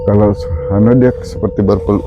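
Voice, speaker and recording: Low-voiced man, dull ghost-hunt recording. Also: steady tone. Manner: short halting phrases, addressing viewers. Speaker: paranormal investigator and presenter. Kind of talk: night ghost-hunt vlog commentary. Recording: dull lo-fi audio, loud eerie music. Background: loud music with singing-bowl tones.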